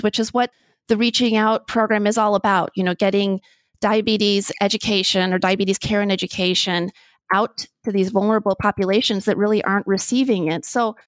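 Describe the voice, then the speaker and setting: A woman's voice: medium pitch, no echo. A woman hosting a podcast interview, introducing and addressing her guest in an encouraging, complimentary way. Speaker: podcast host.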